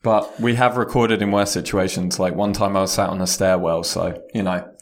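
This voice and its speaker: A British man co-hosting a podcast in casual chat, self-deprecating and quick to laugh, with a roomy echo from an echoey conference room. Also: deep voice, fairly even intonation. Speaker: podcast co-host.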